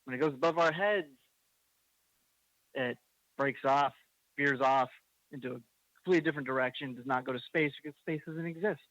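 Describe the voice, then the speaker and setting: A man's voice: fairly high pitch, a little fast, long pauses, fairly bright tone, dry recording, dull audio. A young man hosting a podcast, ranting heatedly with swearing and emphatic bursts. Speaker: podcast host. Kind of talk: impassioned podcast rant.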